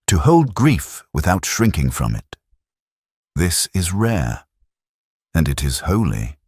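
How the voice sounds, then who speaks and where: Very deep, husky solemn male narrator. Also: no room sound, studio quality. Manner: solemn, meditative delivery. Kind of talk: scripted narration.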